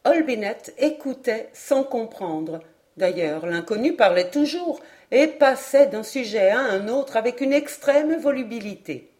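A woman reading a classic adventure novel aloud as an audiobook narrator, in an expressive literary style. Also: fairly high pitch, measured pace. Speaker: audiobook reader. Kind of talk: scripted narration.

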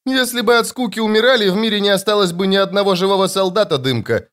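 A man's voice: high-pitched, fast, a bit bright, voice pushed up. A man voicing a barking, bossy female corporal. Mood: scolding. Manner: barking, scolding.

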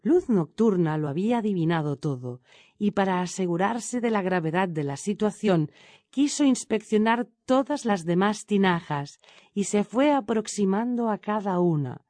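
A woman reads a storybook tale aloud in a steady, measured way. Her pitch sits in the middle range. The recording is dry and close, with no room sound. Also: no room sound. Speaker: narrator. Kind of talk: scripted storybook narration.

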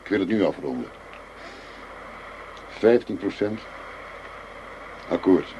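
Playing a cunning undercover officer disguised as a tough dealer in a radio play, a man speaks slowly in a mellow, low-pitched voice with lively intonation. His manner stays firm, hard and businesslike, and the recording is noisy with background ambience.

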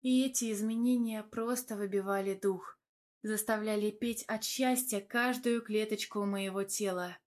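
A woman's voice: medium pitch, steady tone, a little slow, a little mellow. Woman reading a romance novel aloud. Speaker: audiobook narrator.

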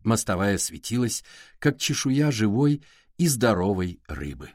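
A man reading a novel aloud as an audiobook narrator, with even, unhurried storytelling. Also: fairly low pitch, no echo, studio quality. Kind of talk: scripted narration.

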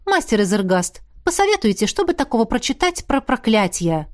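A woman reading the part of a bold, sharp-tongued young female magic student in a fantasy audiobook. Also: on the high side, big pitch swings. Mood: teasing, eager. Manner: cheeky, quick, teasing.

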